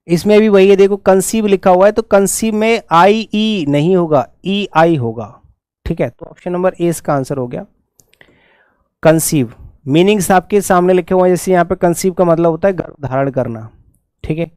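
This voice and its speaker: Brisk male English teacher, Hindi accent. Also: high-pitched, a little mellow, clean tone, no room sound. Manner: brisk, coaxing students to answer fast. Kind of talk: exam-prep lesson.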